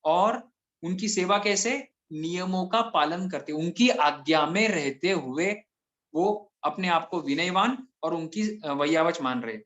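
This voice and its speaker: A man giving a Jain scripture discourse, explaining terms slowly and repeating key words. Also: fairly high pitch, fairly bright tone.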